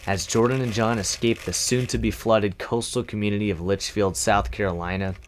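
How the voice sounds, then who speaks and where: A man's voice: fairly low pitch, steady tone, brisk, slight background noise. A man reading scripted narration as the narrator of a documentary.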